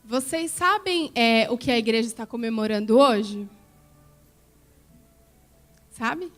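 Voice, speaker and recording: Lady telling the kids a church story, fairly high voice, keeps asking them questions. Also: takes it slowly, a bit bright, soft background music. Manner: coaxing, asks children questions. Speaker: children's story teacher at church.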